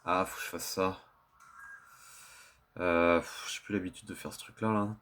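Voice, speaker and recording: Low-voiced man commenting on his gameplay. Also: little pitch movement, moderate pace, a bit bright, slight background noise. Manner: colloquial, thinking aloud. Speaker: video game streamer.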